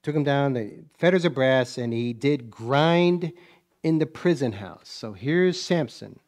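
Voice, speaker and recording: A man's voice: medium pitch, expressive, a little slow, darkish tone. A man preaching a sermon in a church, telling a story in a folksy way and acting out its scenes. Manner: folksy storytelling, acts out scenes, chuckles often.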